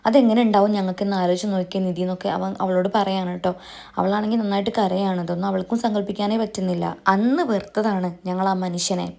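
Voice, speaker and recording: A woman retells a TV serial episode in a chatty, storytelling style, tossing in little tag questions. Her voice is warm and mellow, at an ordinary pitch. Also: creaky. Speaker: serial recap host. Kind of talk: TV serial episode recap narration.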